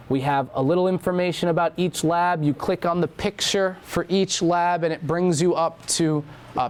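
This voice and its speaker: A man's voice: a little high, darkish tone. A young man teaching an anatomy and physiology lab review in a classroom, talking casually and repeating key points.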